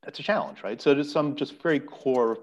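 A man with a mid-range voice talks animatedly and fairly quickly as a podcast guest, in a recording with the highs cut off. A native English speaker, he explains things earnestly in casual conversation, often restarting and repeating words mid-thought.

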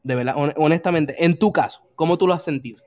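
A man's voice: a little high, fast, darkish tone. A man co-hosting a casual chat, asking questions and laughing easily.

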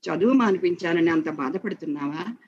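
A man's voice: fairly high pitch, lively intonation, a little fast, darkish tone, slightly rough. A man voicing a poor father who scolds his son and then comforts him, in a muffled lo-fi recording. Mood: tender.

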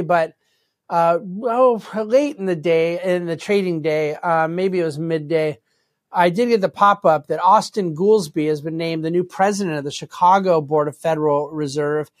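A man hosting an unscripted financial commentary, conversational, with deliberately stressed phrases. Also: sits high. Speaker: host and market commentator.

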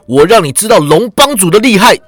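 A man voicing a hot-blooded young swordsman hero who speaks loudly and sternly, often furious, in a wuxia story. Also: high voice, sing-song, a little fast, no echo, voice pushed up, exaggerated voice. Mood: stern angry. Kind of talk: wuxia audiobook character voice.

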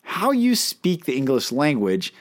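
Speaking unhurriedly, a man with a fairly high voice and wildly swooping pitch hosts a solo podcast as a life coach. He is earnest and emphatic, asks his listeners questions, and cannot roll his R's.

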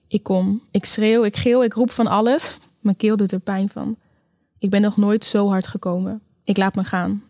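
A woman narrating a first-person erotic story slowly and sensually, in an intimate, close tone. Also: mid-range voice, mellow, dry recording. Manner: slow, sensual, intimate delivery.

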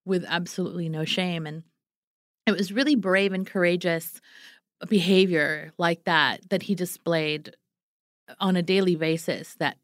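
A woman's voice: on the low side, fairly even intonation, measured pace, no echo, clean studio sound. A woman telling her own story as an interview guest, reflective and earnest. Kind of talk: personal storytelling.

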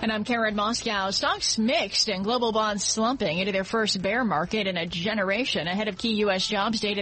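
Woman anchor reading stock prices, medium pitch. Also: fairly bright tone, rough recording. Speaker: business news anchor. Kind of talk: scripted market report reading stock prices.

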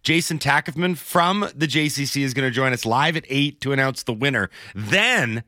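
A man's voice: medium pitch, lively intonation, normal speed, pushed and bright. A man hosting a sports radio morning show, reading the rundown and sponsors with dry banter. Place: radio studio.

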